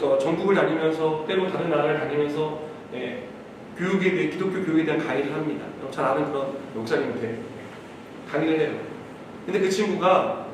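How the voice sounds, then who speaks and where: A man preaching a sermon as a pastor, earnest and addressing the congregation directly. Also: on the high side. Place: church sanctuary. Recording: echoey church hall from far off, faint noise.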